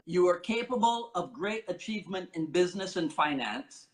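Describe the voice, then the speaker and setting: A man from Barbados with a notably high-pitched voice hosts the conversation. He is playful and teasing, reading notes aloud and poking fun at his guest. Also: lively intonation, normal speed, poor audio. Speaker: podcast host. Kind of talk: casual interview questioning.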